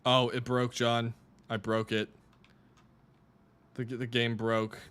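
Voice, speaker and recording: A young man talks his way through a game stream at his desk mic, loose and chatty, often restarting his sentences. His pitch sits right in the middle for a man. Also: level tone, takes it slowly, a bit bright, clean tone. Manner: chatty, rambling, with many restarts and laughs. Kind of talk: casual live-stream chat while gaming.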